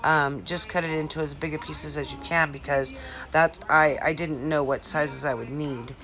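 Low-voiced woman rambling through a craft tutorial. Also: fairly even intonation, normal speed, a bit bright. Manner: rambling, lots of fillers and restarts. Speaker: craft vlogger. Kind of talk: casual DIY tutorial chat. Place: living room at home.

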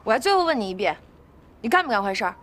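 A fiery young village woman. She is outspoken and insistent. Her voice is bright and her pitch swings widely. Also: big pitch swings, very fast, a little hiss or hum. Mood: pleading, demanding.

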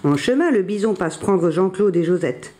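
A storyteller reading a children's picture book aloud with gentle, expressive narration. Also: mid-range voice, moderate pace, a little hiss or hum.

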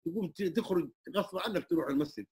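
An older Hijazi man talks with quick, earnest warmth, scattering pious phrases through his speech. His voice is husky and sits fairly high for a man. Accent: Hijazi Arabic. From Saudi Arabia. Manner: humble, emphatic, many religious phrases. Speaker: interviewee, traditional singer and muezzin. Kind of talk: open conversation. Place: neighborhood community hall.

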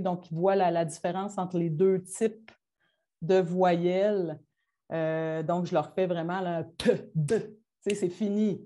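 A woman's voice: fairly low pitch, dark tone. A woman with a Quebec French accent, a teacher presenting her classroom methods to colleagues in an informal, hesitant way with many fillers and restarts. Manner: self-described rushing delivery.

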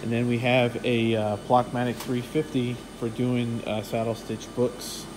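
A man carries his phone camera through the offices and warehouse of his print shop, casually showing off the machinery. He sounds relaxed and technical, leaning on lots of "uh" and "um," with a medium-pitched, unhurried, level delivery, and an air conditioner hums clearly in the background.

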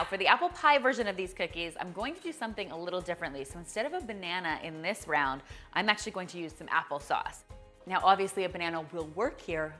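In a bright home kitchen studio, a woman in her thirties hosts a cooking show, walking viewers through a recipe. She's bubbly, chatty and upbeat, speaking directly to the audience in a fairly low, sharp-toned voice.

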